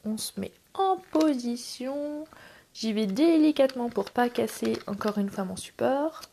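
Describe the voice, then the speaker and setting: A woman's voice: fairly high pitch, animated, measured pace, gravelly, warm tone, slight background noise. Chatty French woman hosting a craft livestream. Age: middle-aged. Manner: chatty, greets viewers, self-deprecating asides. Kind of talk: casual live craft tutorial. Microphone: camera on tripod.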